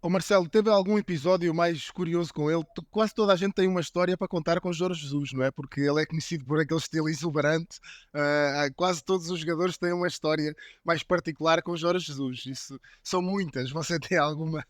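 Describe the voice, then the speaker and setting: A man's voice: on the high side, fairly even intonation, a little fast, dry recording, clean studio sound. A man, a podcast host, putting friendly, teasing questions to a guest. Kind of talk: interview questions.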